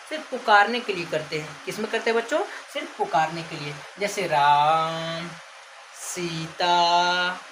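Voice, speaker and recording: A woman teaching a grammar lesson to children, repeatedly asking the class questions and drawing out example words. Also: mid-range voice. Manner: stretches out called names as examples. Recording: noisy background ambience.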